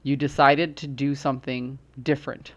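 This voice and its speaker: A woman's voice: rumbling low, fairly even intonation, normal speed, lo-fi sound. A woman giving a casual tarot reading who chats and explains her points through everyday examples. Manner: acts out quoted reactions. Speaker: tarot reader.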